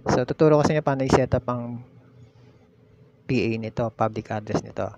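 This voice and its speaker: A creaky, mid-range voice, slightly fast, belongs to a Filipino tutorial host running a casual step-by-step demonstration. He keeps it instructional and repeats the main steps. Background noise sits under the muffled, lo-fi recording.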